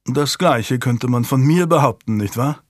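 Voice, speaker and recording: Brief: gallant nobleman with a wry, kindly tone, as an audiobook narrator gives him, mid pitch, dry sound. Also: a little slow, dry recording, close to an everyday voice. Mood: courtly. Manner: gallant and gently teasing. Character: young noble earl, courteous and wry.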